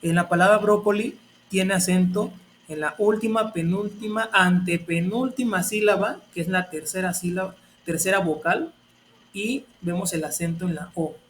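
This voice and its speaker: A man's voice: high-pitched, normal speed, fairly bright tone, slight background noise. A man, teaching a grammar lesson step by step in a patient, explaining way.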